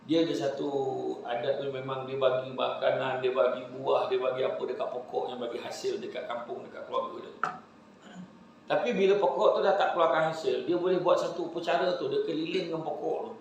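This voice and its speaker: Joking Malaysian Malay preacher in echoey hall. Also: male voice, mid-range voice, brisk, gravelly, slight background noise. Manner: animated joking storytelling, laughs often. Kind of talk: humorous religious talk to a live audience.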